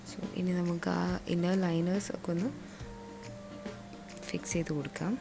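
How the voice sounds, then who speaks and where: Speaking at a moderate pace with a lowish, fairly even voice, this Malayali-accented woman walks through installing a product step by step. Her delivery is conversational and mixes in English terms, with background music clearly audible throughout.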